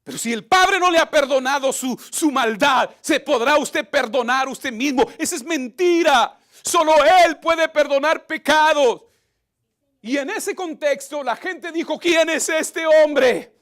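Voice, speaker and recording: Male pastor, high-pitched, slow, impassioned, repetitive sermon delivery. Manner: impassioned preaching, swinging between shouts and whispers; repeats phrases for emphasis.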